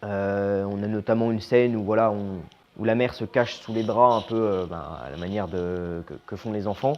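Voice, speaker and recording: A man giving a casual, opinionated horror film review. He is blunt and slangy, and his voice trails off quietly at the ends of phrases. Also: fairly low pitch, steady tone, normal speed. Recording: slightly dull lo-fi sound with faint music.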